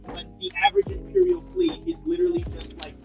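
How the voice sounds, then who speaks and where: A man's voice: very high voice, fairly even intonation, fast talker, creaky, recorded from a distance, narrow, tinny audio, over music. A man arguing in a casual gaming-stream chat, his mic cutting out so his volume drops in and out. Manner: argumentative, talks over the other speaker. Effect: mic cutting out, volume dropping in and out.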